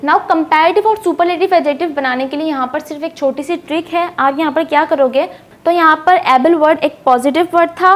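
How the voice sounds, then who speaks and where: High-voiced woman teaching grammar. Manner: asks questions and answers them herself; reads English examples slowly and deliberately. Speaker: English teacher. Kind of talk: explaining grammar lesson.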